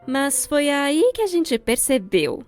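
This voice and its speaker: A young adult woman with a Brazilian accent, a storyteller and fan-dub voice actor, narrates a scripted comedic storytime in a theatrical, wry way. Her voice is high-pitched and very animated, her pace slow, with faint music behind her.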